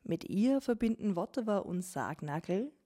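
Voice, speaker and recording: A woman radio reporter with a medium-pitched voice narrates a cultural feature from a script, keeping her delivery even and measured.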